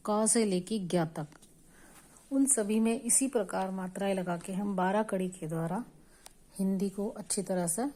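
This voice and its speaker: A woman teaching Hindi vowel signs, drawing out each sound loudly and then explaining it softly, step by step. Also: medium pitch. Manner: patient, step-by-step instruction while writing. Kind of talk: slow spoken lesson on Hindi vowel signs.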